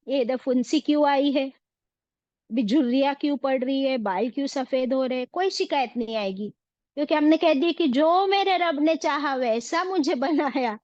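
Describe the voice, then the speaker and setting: A woman's voice: high-pitched, a little mellow, dry recording, muffled recording. A woman teaching an online religious class, asking her students questions and mixing in English phrases. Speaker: Quran teacher.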